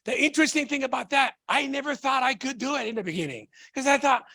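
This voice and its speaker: High-voiced fervent man. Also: quick pace, creaky, pushed and bright, no echo, clean studio sound. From Tonga. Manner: fervent, fires rhetorical questions at the audience. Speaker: motivational speaker. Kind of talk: motivational stage talk.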